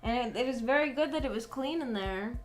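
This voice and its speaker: Music runs behind a woman who hosts a livestream from her room, chatting to viewers in a casual, giggly, self-conscious ramble. She talks fairly quickly at a fairly high pitch, and the audio quality is poor.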